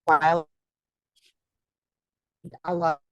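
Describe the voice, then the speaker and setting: A woman's voice: low-pitched, level tone, very slow, a bit bright, dry recording, dull audio. A woman guest author speaking casually on a video call while her audio breaks up and drops out. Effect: bluetooth audio cutting out and breaking up. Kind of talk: casual podcast interview over video call.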